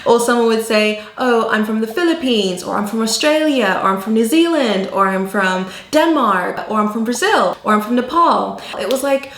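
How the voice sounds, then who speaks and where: A woman whose first language was not English, speaking English with an accent shaped by southern Africa and American teachers, telling a personal story in earnest, animated vlog style. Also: on the high side, moderate pace, few pauses, roomy sound. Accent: mixed African and American-learned English. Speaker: vlogger.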